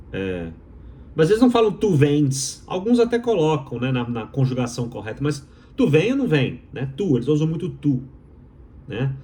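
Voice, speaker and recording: His medium-pitched voice sounds mellow. The man, a doctoral student from Minas Gerais, Brazil, with a Mineiro accent, presents an opinionated explainer to viewers, emphatic and rhetorical and repeating his key phrases.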